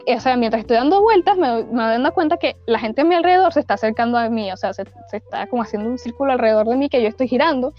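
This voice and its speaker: A woman's voice: fairly high pitch, very fast, hardly any pauses. A young woman with a Venezuelan accent tells a ghost story in casual, slangy chat, full of fillers and restarts. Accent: Venezuelan Spanish. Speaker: podcast storyteller. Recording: dull lo-fi recording with faint music.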